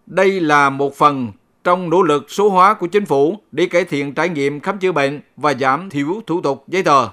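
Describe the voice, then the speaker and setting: A man reading a scripted public-information bulletin as a local radio announcer, in a formal, measured manner. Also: on the high side, fairly bright tone. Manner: formal, measured read-aloud delivery.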